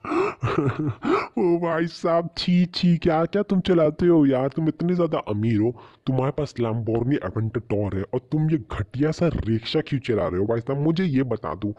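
Male actor as a mellow fatherly uncle, stern, lo-fi sound. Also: a little high, measured pace, few pauses. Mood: mocking. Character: fatherly uncle, strict and scolding. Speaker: game character Kiran uncle. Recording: dull, muffled lo-fi audio.

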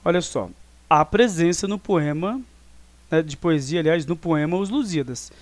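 Brazilian man, teacher, voice on the high side, dry close sound, chatty explainer. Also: moderate pace, dry recording. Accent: Brazilian Portuguese. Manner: explanatory, full of tag questions and fillers. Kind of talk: online class review lesson.

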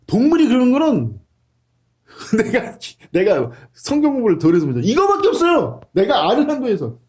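A man's voice: high voice, huge pitch swings, brisk. A man practicing a sermon, blunt and emphatic, using coarse slang and frequent rhetorical questions. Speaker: pastor.

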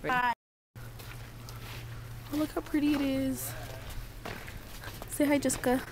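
A playful woman jokes with her friends outdoors in the snow, her voice a little high. It is caught on a handheld camera, with clear outdoor noise behind her. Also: level tone, unhurried. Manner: playful, joking. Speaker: friend on a trip. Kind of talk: casual chat.

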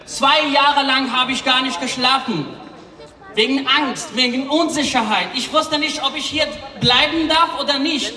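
A man in his thirties from Afghanistan, speaking with an Afghan accent, giving an earnest rally speech from a lectern with halting fillers. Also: very high-pitched, bright, forceful tone. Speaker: refugee rights speaker. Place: outdoor stage at a large rally. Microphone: lectern mic on a stand. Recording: distant PA sound echoing outdoors.

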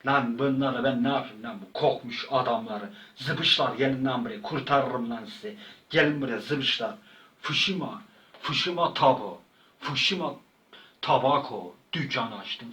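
A man tells a meandering comic story in loose, slangy speech, circling back and repeating phrases as he stumbles along. His voice is bright and sharp, sitting in a middle register. He sounds slightly distant from the microphone. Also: mid-range voice. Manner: repetitive, slangy, stumbling retelling. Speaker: channel host. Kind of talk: rambling comic monologue.

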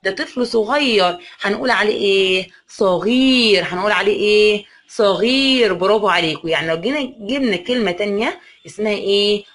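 A woman with an Egyptian accent teaching a reading lesson to young children. She asks question after question, answers them herself, and draws out words slowly. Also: mid-range voice, fairly bright tone. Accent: Egyptian Arabic. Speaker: primary school teacher.

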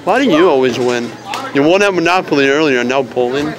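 A man's voice: mid-range voice, expressive, brisk, crowd noise. A young man vlogging and joking with friends on a phone camera in a bowling alley. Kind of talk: casual chat. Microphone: handheld phone camera.

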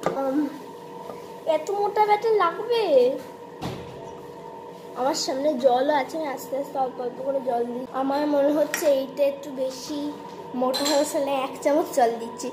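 A woman narrating her vlog in a casual way, at times talking quietly so as not to be overheard. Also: sits high, little pitch movement, moderate pace, background noise. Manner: quiet, hushed talk to keep a surprise. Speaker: vlogger. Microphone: voice-over recorded later.

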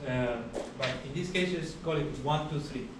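A young man giving a university lecture in a large hall, explaining steadily with many pauses and uh fillers. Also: a little high. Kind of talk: classroom lecture. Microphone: far camera at the back of the room. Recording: echoey hall recorded from far off, background hiss.

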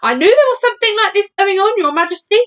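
A woman's voice: extremely high pitch, expressive, quick pace, fairly bright tone, muffled recording, pitched above the performer's own voice. A woman voicing an indignant, blustering male head of the army in a storybook, speaking emphatically. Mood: urgent. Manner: emphatic, exasperated military bluster.

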